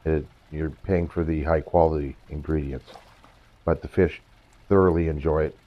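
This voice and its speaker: An older man with a cold-roughened voice gives a casual, halting review of fish food for his pond, with his voice breaking upward now and then. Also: a bass voice, fairly even intonation. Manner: halting, pauses mid-sentence to find words. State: hoarse from a cold, voice cracking upward. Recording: dull lo-fi, dry sound.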